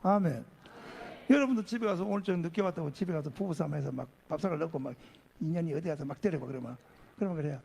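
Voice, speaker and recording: A middle-aged man preaching a testimony sermon as pastor, telling stories with lively acted-out voices. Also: fairly high pitch, fast, gravelly, husky. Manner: animated storyteller acting out voices.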